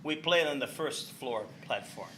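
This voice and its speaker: Brief: male comic as a rambling Italian immigrant bandleader, thick put-on accent, bright and sharp tone. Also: mid-range voice, expressive, a little slow, slight background noise, low-quality recording. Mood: rambling story. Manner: broken English, rambling comic storytelling. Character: Italian immigrant accordion bandleader, chatty, cheerful. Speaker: band leader.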